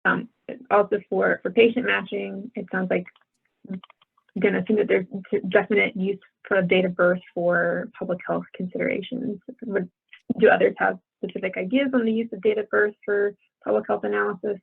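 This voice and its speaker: A woman facilitating a work meeting in an even, businesslike way, heard over a tinny phone line. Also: medium pitch, normal speed, vocal fry, husky. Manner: even, businesslike, thanks each speaker.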